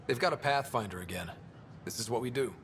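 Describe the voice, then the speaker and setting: A man's voice: medium pitch, animated, fast, a bit bright, a little hiss or hum, lightly acted. A man voicing a young male explorer leader who talks in a dry, easygoing way.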